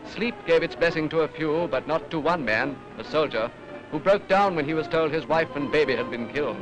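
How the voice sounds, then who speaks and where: A man's voice: on the high side, fairly quick, highs cut off, music in the background. A British man narrating a 1940s newsreel in a formal, declamatory manner, on an old film soundtrack. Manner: formal, rhetorical, declamatory delivery.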